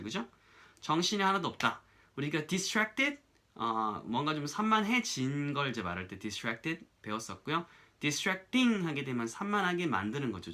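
Speaking in a mid-range voice that's bright and forceful, a man teaches English in a relaxed, conversational style. He often asks "right?" and slowly voices English lines to serve as examples.

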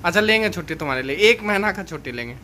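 A man in his thirties talks to a handheld phone in a small room at home. His voice is high and bright, and he pleads in an exasperated way. A faint hum of ambience sits behind him. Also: expressive, racing. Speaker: vlogger husband. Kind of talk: casual family vlog talk. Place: small home bedroom, indoors.

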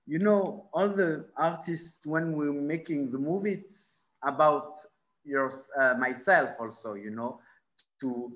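A film director in his forties, born in Morocco and raised in France, speaks with a French accent on a video call through his laptop mic from a bright room at home. His mid-range voice has a fairly bright tone. He's halting, often pausing to find the right word, uses many fillers, and gestures with his hands as he talks.

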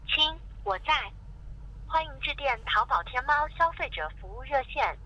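A woman's voice: sits high, expressive, normal speed, bright, forceful tone. A woman's cheerful automated hotline voice reading polite, scripted menu prompts over a phone line. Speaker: automated customer service hotline voice. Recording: muffled phone line, faint hiss.

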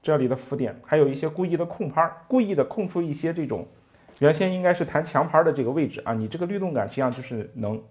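Man teaching piano lively, animated speech. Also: fairly high pitch, fast talker. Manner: counts beats aloud, asks frequent rhetorical tag questions. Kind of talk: music lesson with counting and playing. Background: piano playing.

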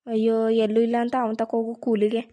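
A woman's voice: a little high, completely flat delivery, fairly quick, dark tone. Complaining village woman in a comic skit. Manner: scolding, complaining village talk. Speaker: comic actor playing a village wife.

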